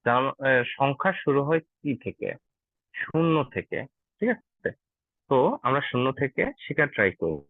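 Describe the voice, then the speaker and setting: A man's voice: medium pitch, expressive, moderate pace, pauses often, no room sound. Guy teaching german numbers in an online class, keeps asking if everyone gets it, tinny call sound. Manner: patient, asks learners "ঠিক আছে?" often.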